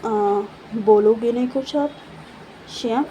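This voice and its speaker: A woman voicing a gentle, affectionate young woman who speaks softly and tenderly, a little hesitant. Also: on the high side, slow pace, dull audio, slight background noise.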